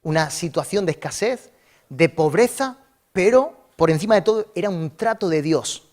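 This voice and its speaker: A man's voice: sits high, lively intonation, normal speed, a little mellow. Fervent preacher, man. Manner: fervent, repeats words and builds to emphatic peaks. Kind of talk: sermon.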